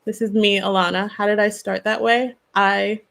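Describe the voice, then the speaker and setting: A woman hosting a live stream as a spiritual channeler. She talks in an earnest way, asks questions, gives gentle advice and answers viewers by name. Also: medium pitch, little pitch movement, normal speed, gravelly.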